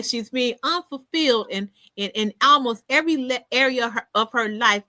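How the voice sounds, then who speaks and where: A woman hosting a podcast in casual solo commentary, animated, often laughing and repeating words for emphasis. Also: on the high side, dry recording. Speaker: podcast host.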